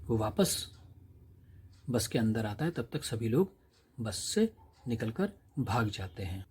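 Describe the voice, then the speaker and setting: Husky-voiced man teaching a revision lesson. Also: fairly low pitch, sing-song, slow pace, a little mellow. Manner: explains simply, often asks the class questions and checks with "है ना".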